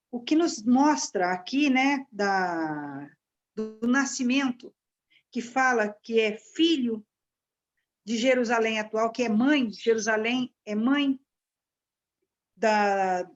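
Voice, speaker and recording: A woman giving a halting, searching commentary on a Bible passage in a study class. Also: fairly high pitch. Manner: searching, halting delivery with restarts. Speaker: class participant. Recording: dull lo-fi sound.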